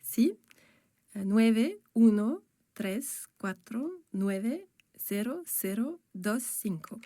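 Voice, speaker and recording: Young French waitress, textbook audio, mellow, unhurried. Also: female voice, fairly high pitch, animated, dry recording, clean studio sound, full character voice. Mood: plain. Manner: plain, clear answers spelling things out. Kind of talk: scripted textbook audio dialogue.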